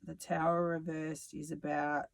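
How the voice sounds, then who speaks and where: Speaking at a middling pitch, a tarot reader unhurriedly walks through a solo reading in a reflective, musing manner, peppered with dry sarcasm and offhand swearing. The tone stays level and gravelly, and the recording quality is low.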